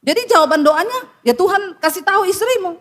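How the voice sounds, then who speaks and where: High-voiced woman preaching bluntly. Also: lively intonation, brisk. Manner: blunt, scolding, preachy, uses informal slang. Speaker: pastor. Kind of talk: sermon.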